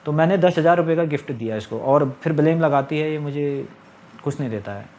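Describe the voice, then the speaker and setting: A man's voice: on the high side, fairly quick, darkish tone. A young man telling his own story in a casual, aggrieved monologue to camera, often quoting others. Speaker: vlogger.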